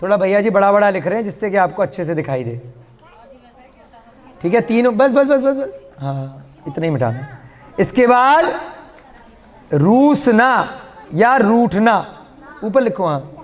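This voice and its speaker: High-voiced teacher in a reverberant room. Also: male voice, big pitch swings, measured pace, long pauses. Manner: patient, explains with questions and playful asides. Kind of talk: online language class.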